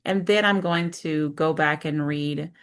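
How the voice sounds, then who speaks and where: This is a woman teacher with a low-pitched voice, taking an unhurried, informal walk through a screen share. She reasons aloud step by step in a conversational manner, posing questions to herself and pausing to check in.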